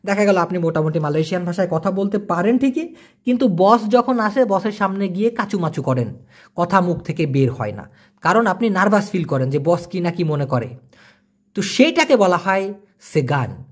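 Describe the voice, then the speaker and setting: A teacher talks through a relaxed vocabulary lesson in a husky, slightly breathy voice. The pitch swings up and down a lot. The teacher repeats each new word and jokes in self-mocking asides. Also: normal speed. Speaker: Malay language teacher. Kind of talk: casual spoken vocabulary lesson.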